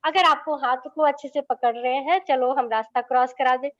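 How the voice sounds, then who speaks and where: Brief: young female teacher, bright high register, patient coaxing lesson for small kids. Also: steady tone, normal speed, highs cut off. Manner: coaxing, asks "ठीक है?" after nearly every line. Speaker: children's teacher. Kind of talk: lesson for children.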